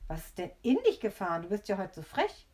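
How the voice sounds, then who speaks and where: A woman's voice: medium pitch, very animated, fast talker, a little mellow, close to an everyday voice. A woman voicing an indignant, scolding grandmother in a children's story. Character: scolding grandmother, flustered but loving.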